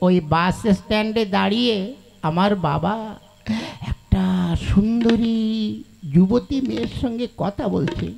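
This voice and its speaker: A man's voice: high-pitched, a little slow, creaky, a little mellow, a little hiss or hum, heavily acted. A man voicing a mischievous schoolboy in a folk puppet show, who schemes and fakes sing-song sobbing. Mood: whining tattling. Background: tabla and folk music.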